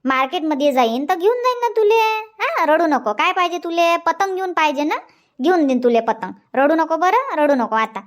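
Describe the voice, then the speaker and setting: An actor voicing a squeaky nagging cartoon granny with a Vidarbha accent. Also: expressive, a little fast, few pauses, fairly bright tone. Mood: coaxing. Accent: Vidarbha Marathi. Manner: nagging, repeats questions, chiding. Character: fussy nagging village grandmother, scolds and coaxes. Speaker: grandmother. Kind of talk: cartoon comedy voice acting.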